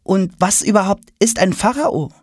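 A man's voice: high voice, lively intonation, normal speed, no room sound, clean studio sound, voice pushed up. A man voicing a curious, hasty schoolboy who asks question after question. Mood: eager questioning. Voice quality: eager, questioning. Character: curious, hasty schoolboy, polite but impatient.

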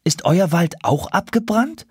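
Man plays a bashful lost songbird, timid and gentle. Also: high voice, expressive, measured pace, breathy edge, no echo, clean studio sound, pitched above the performer's own voice, exaggerated voice. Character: shy lonely male colorful bird.

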